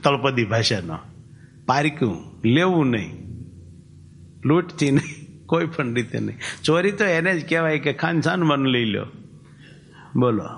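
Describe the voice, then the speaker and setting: A male preacher, speaking at a middling pitch. He talks in a storytelling way, quotes old scripture verses, and then unpacks them in a plain, folksy way. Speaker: religious preacher. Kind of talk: sermon with storytelling.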